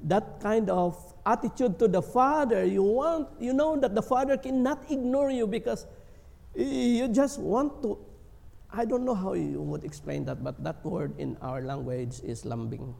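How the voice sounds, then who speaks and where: A gravelly, dark-toned man from the Philippines delivers a sermon at a slow, deliberate pace. His earnest words ring out with a long reverb, as if in a large church hall. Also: high voice. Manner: slow, earnest preaching, acting out prayers in a pleading voice. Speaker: pastor.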